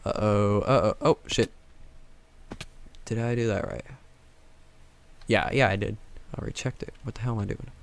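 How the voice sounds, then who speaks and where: A man's voice: fairly low pitch, steady tone, normal speed, gravelly, pauses often. A man casually commenting on his Minecraft game, talking to himself and the mobs, with frequent exclamations. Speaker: gaming YouTuber.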